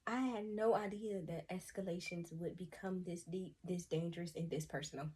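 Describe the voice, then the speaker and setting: Husky earnest woman speaking to viewers. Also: on the low side, fairly even intonation, moderate pace, warm tone. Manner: earnest, addresses viewers as y'all, frequent sighs. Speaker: vlogger giving personal testimony. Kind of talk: emotional personal testimony to camera.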